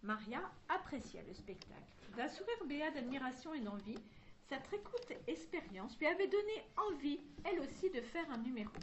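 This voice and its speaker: The lo-fi recording, with slight background noise, captures a woman reading a children's novel chapter at a moderate pace. Her voice is high with big swings in pitch, and she voices each character in turn without changing her voice. Now and then she stumbles and restarts.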